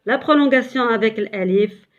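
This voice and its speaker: A woman's voice: a little high, normal speed, highs cut off. A woman teaching beginners step by step, patiently repeating syllables with some hesitant fillers. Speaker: Arabic teacher. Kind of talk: slow step-by-step lesson for beginners.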